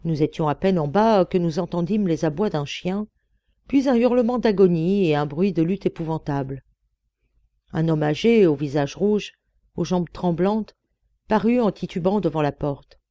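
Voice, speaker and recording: Mellow-voiced woman reading a story. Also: fairly low pitch, animated, moderate pace, dry recording, muffled recording. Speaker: audiobook reader. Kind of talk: scripted narration.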